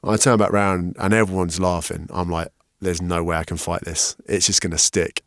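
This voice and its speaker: A man, a podcast guest, telling his story candidly and frankly, getting animated when he quotes other people. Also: sits low, normal speed, no room sound, studio quality. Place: podcast studio.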